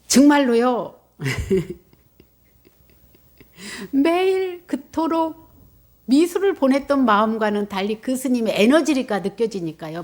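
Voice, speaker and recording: Buddhist nun telling a lively story. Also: female voice, mid-range voice. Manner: lively storytelling, acting out quotes, gasping. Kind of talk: dharma talk. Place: meditation center.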